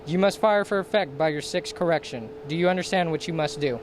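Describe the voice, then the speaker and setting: A man's voice: fairly high pitch, fairly quick. A man giving scripted military instruction in a formal, procedural manner, enumerating each step. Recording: clear steady ambient background noise.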